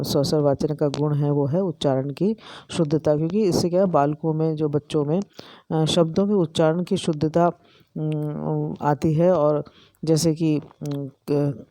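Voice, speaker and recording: A middle-aged woman with an Indian accent, an education lecturer, explaining slowly with many pauses and fillers. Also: sits low, mellow, dry recording. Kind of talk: recorded lecture.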